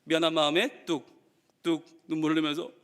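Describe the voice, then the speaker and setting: A man's voice: a little high, flat delivery, normal speed, fairly bright tone, clean tone. A male pastor preaching to teachers, telling stories animatedly and acting out the quotes. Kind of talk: sermon to teachers. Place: church sanctuary. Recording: reverberant church hall.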